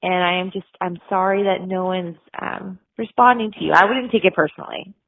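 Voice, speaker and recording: A woman, a podcast co-host, leaving a halting, mock-sympathetic voicemail full of ums, heard over a phone line. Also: lowish voice. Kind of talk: comic voicemail message. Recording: tinny narrow phone-line sound.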